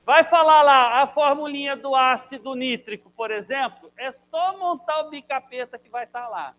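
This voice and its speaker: A man's voice: very high-pitched, normal speed, fairly bright tone, slight background noise, poor audio. A man teaching a chemistry class in Brazilian Portuguese, energetically drilling students through a chanted mnemonic. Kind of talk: classroom lesson.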